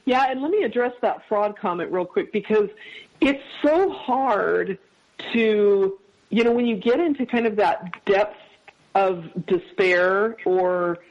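High-voiced man telling a heartfelt story. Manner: heartfelt, halting, many restarts. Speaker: podcast guest. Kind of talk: personal storytelling. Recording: dull lo-fi sound.

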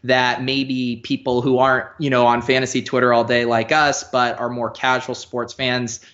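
A man talking as a guest on a podcast in a relaxed, loose way with lots of fillers. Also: medium pitch, moderate pace, lo-fi sound. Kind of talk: casual podcast chat.

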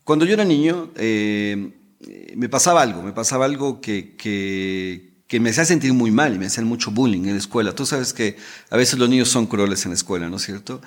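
A man's voice: lowish voice, a little fast. A middle-aged man, a guest telling his story in an emotional way, repeating words and adding tag questions. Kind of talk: storytelling interview talk.

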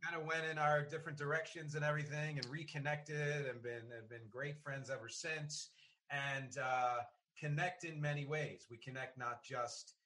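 An American podcast host from South Jersey runs a casual interview, rambling and frequently interrupting his own sentences. His voice is fairly high and bright, with a steady tone and moderate pace, and it sounds pushed.

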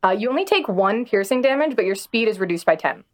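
A woman's voice: medium pitch, expressive, fast. A woman running a tabletop game as game master, playful and teasing, laughing often.

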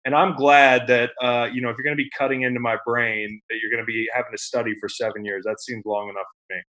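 A man in his thirties hosts a podcast interview. He talks in a loose, conversational way with plenty of fillers and sounds openly admiring. His voice sits at an ordinary middle pitch. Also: little pitch movement, quick pace, bright, forceful tone. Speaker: podcast host. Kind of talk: casual interview chat.

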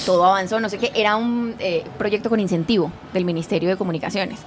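A Venezuelan woman telling stories at a quick clip. She slips into other people's voices as she goes. A clear hum of noise sits behind her. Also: mid-range voice. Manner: animated storyteller, acts out quoted voices. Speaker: guest actress. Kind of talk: casual podcast chat.

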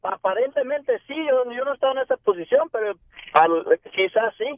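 A man's voice: extremely high pitch, animated, moderate pace. Man calling in over a tinny phone line. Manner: hesitant, full of fillers. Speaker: caller. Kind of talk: telling a story over the phone.

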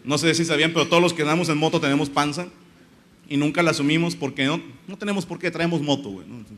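Young man, crude slangy comedian, fairly high voice, bright tone. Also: fast. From Monterrey, Mexico. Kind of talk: stand-up monologue.

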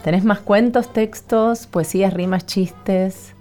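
A woman's voice: medium pitch, fairly even intonation, slow pace, warm tone, soft background music. A woman radio host with a Rioplatense accent, interviewing a child in a playful, encouraging way and echoing her answers. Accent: Rioplatense Spanish.

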